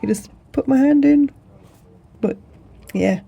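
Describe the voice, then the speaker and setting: A young British woman giving a relaxed, rambling crochet tutorial at home, chatting casually with plenty of fillers. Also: high-pitched, slow pace, creaky, husky, lo-fi sound. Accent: British English. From England. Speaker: crochet vlogger. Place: home, indoors.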